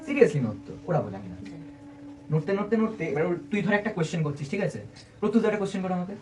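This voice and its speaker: A man's voice: sits high, lively intonation, rapid-fire, darkish tone. A young man giving a casual presentation to a small group of friends, chatty, asking them questions and joking as he explains. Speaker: student presenter. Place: indoor room with a small group. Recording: distant mic with light room noise.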